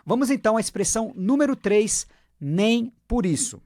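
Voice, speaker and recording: A man teaching English phrases in Portuguese, slowing down and repeating each phrase for practice. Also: high voice, expressive, a little mellow, dry recording, studio quality. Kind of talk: language lesson.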